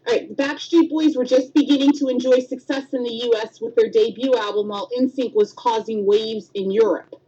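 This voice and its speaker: A woman's voice: a little high, steady tone, fairly quick, hardly any pauses, dark tone, husky. A woman in her thirties co-hosting a podcast, chatting casually and telling stories with acted-out quotes. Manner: chatty storyteller, acts out quotes with squeals. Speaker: podcast co-host. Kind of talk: casual chat. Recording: dull lo-fi podcast audio.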